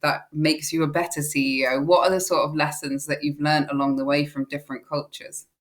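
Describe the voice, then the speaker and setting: A woman's voice: low-pitched, level tone, a little fast. Upbeat woman hosting a podcast. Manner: upbeat, scripted intro then chatty. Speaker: podcast host. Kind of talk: podcast interview.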